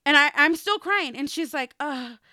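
Bright high-voiced woman co-host. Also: normal speed, no room sound, studio quality. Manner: animated storytelling, acts out quotes. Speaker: podcast co-host. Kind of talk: casual chat.

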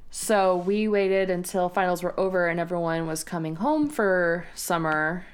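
A young woman from San Antonio, co-hosting a podcast in a relaxed, rambling chat with frequent giggles. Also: on the low side, a little slow, clean tone. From San Antonio, Texas. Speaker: podcast co-host. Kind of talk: casual chat.

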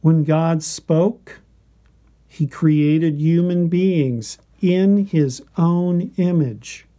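A man giving a scripted devotional narration in a slow, deliberate and reverent manner. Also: a little high, dark tone.

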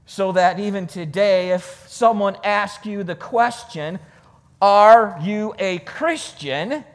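A high-pitched man preaches a sermon and reads scripture, phrasing things emphatically and deliberately and repeating lines for weight. The recording carries long reverb.

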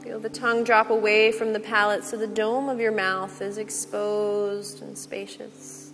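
Woman, yoga teacher, soothing and unhurried, reverberant space, soft music behind. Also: medium pitch, level tone. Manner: slow, soft, soothing cues with long pauses. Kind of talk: guided relaxation instruction.

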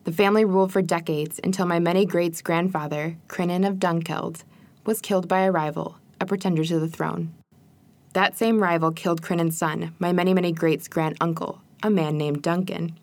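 Low-pitched woman from rural wisconsin, dry voice-over, calm measured documentary read. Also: no room sound. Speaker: narrator. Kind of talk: scripted documentary narration.

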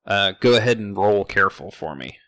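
Low-voiced man running a tabletop game. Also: expressive, fairly quick, sharp tone, no room sound. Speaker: game master.

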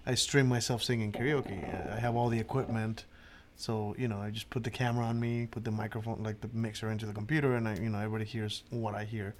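A man's voice: lowish voice, level tone, fast, few pauses, slight background noise. A man co-hosting a casual podcast, talking in a loose, rambling way with lots of restarts and the odd swear word. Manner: rambling, many restarts and fillers, swears freely. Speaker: podcast co-host.

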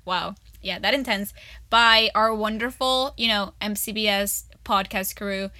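A woman's voice: medium pitch, unhurried, sharp tone, no echo. A young woman co-hosting a student podcast, chatting in a bubbly, gushing way full of fillers. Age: young adult. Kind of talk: casual chat.

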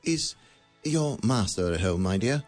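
Scrooge, an old miser gone giddy. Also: male voice, fairly low pitch, measured pace. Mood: joyful. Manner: giddy, laughing, lively. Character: elderly male miser Scrooge, giddy and reformed. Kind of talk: radio play acting. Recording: studio radio drama with faint music.

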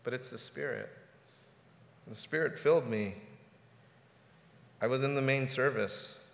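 A man in his forties, a pastor, delivers a laid-back, conversational sermon in a church sanctuary, frequently repeating words as he talks. He speaks a little slowly in a gravelly, mid-range voice, and the hall adds roomy reverb.

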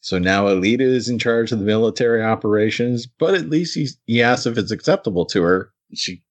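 Man, very low voice, casual podcast recap, chatty, laughs often. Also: brisk. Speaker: podcast co-host recapping an episode. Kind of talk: casual chat.

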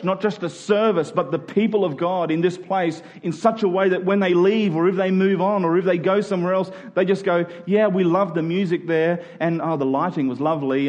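Here a man's high-sitting, slightly mellow voice carries a sermon. He is a church pastor with an Australian accent who talks earnestly and conversationally and often poses questions to those listening.

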